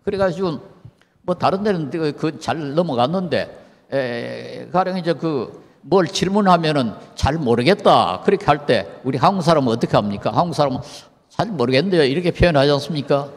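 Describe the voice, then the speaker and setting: An older man, a professor, giving a measured lecture and asking his audience rhetorical questions. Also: fairly high pitch, animated, in a large hall. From Korea.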